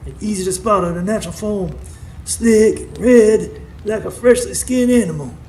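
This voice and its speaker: On stage before a live studio audience, a man plays a wise, stern old folk healer in a radio drama, giving instructions in a terse, commanding, grave way. His voice sits high and a little mellow, at normal speed. The live stage recording is low quality, with background noise.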